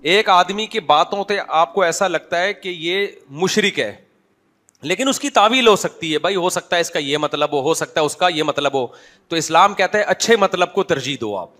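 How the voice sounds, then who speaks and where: A man's voice: high-pitched, animated, pushed and bright. A man, an Islamic scholar, giving a conversational religious talk full of humorous anecdotes and often asking listeners if they follow.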